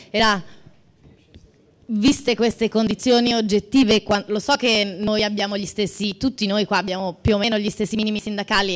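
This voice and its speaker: A woman moderates a public assembly and hands a question to the speakers. Her voice stays flat and level, and she pauses and restarts while she searches for the right words. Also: mid-range voice.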